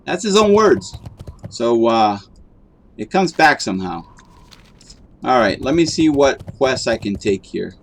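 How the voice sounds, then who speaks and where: A man's voice: medium pitch, very animated, a little slow, long pauses, slight background noise. A man streaming a video game, chatting casually and rambling with lots of fillers and restarts. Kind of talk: casual chat while gaming.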